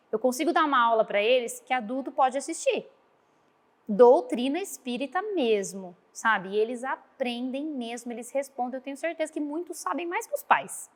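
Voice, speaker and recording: Brazilian woman teacher, fairly high voice, heartfelt storyteller at a training session. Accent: Brazilian Portuguese. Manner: earnest, storytelling, acts out dialogue. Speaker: children's religious teacher. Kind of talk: heartfelt talk at a training course.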